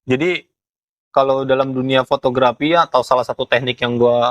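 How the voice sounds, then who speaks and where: A young man with a Jakarta accent chats casually in a medium-pitched voice. He explains step by step, halting as he searches for the right word. The sound is dry and close, with no room echo. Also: fairly even intonation, fairly bright tone, muffled recording. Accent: Jakarta Indonesian. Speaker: ghost photographer being interviewed.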